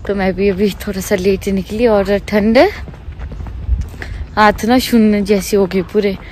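A young woman talks loudly and chattily to the camera while walking outdoors, vlogging casually. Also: medium pitch, little pitch movement, a little slow. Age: young adult. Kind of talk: casual vlog chat. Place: outdoors in a busy town street. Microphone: handheld phone camera, no mic. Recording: outdoor phone recording with crowd noise. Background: crowd chatter.

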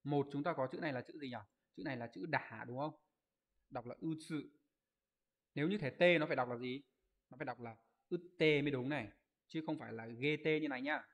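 A man teaching an online Japanese exam review class. He explains each answer step by step, keeps asking his students to confirm, and reads out their comment answers in a quick list. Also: mid-range voice. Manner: explains step by step, asks rhetorical check questions.

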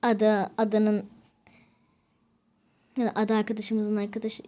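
A woman's voice: medium pitch, completely flat delivery, unhurried, mellow. A teenage girl chatting casually over a mobile game she is playing, talking straight to her viewers. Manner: chatty, keeps saying "friends", begs for subscribers; whispers to avoid waking her father. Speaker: gaming vlogger. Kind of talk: casual gameplay commentary.

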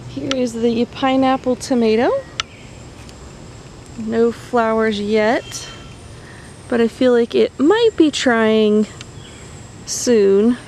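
Walking through her backyard vegetable garden with a handheld phone camera, a woman vlogger chats casually and points out each plant in turn. Her slightly high, somewhat mellow voice moves slowly with frequent pauses, and there's slight background noise.

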